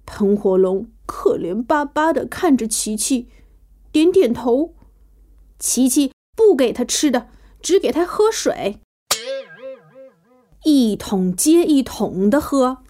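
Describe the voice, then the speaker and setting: A woman narrating a children's bedtime story with an animated, playful, expressive delivery. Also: high-pitched, takes it slowly, pauses often.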